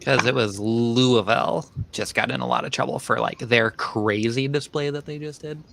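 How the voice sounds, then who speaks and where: A man chats casually at a soccer watch party, cracking jokes between comments. His voice has a gravelly edge and a bright, forward tone. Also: mid-range voice, moderate pace, a little hiss or hum. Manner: joking, chatty. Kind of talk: casual chat.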